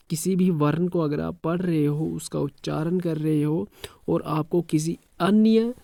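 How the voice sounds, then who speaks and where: A man's voice: on the high side, vocal fry, dark tone, no echo, studio quality. A male school teacher explaining a lesson, sounding out letters one by one and often checking in with "thik hai". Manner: repeats phrases, frequent "thik hai" check-ins.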